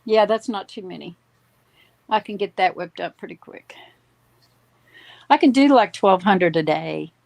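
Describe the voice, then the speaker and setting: A woman's voice: mid-range voice, expressive, unhurried, creaky, long pauses, darkish tone, no room sound. A woman in her sixties from Wisconsin chatting on a live stream while she crafts, rambling and correcting herself as she goes. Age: 60s. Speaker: livestream crafter. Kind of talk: casual chat.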